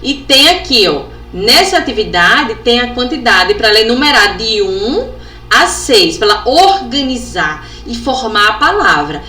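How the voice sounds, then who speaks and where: A woman from Brazil, an educational psychologist giving a workshop, sounding out letters and syllables slowly and ending phrases with tag questions. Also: fairly high pitch, sing-song, bright, forceful tone. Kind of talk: instructional workshop talk. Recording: echoey room with faint background noise.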